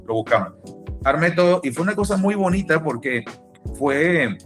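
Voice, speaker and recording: A man with a Venezuelan accent, an interview guest and musician, telling a lively story and acting out the people in it. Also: fairly high pitch, normal speed, faint music behind. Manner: animated anecdote teller who acts out quoted dialogue. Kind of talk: casual storytelling.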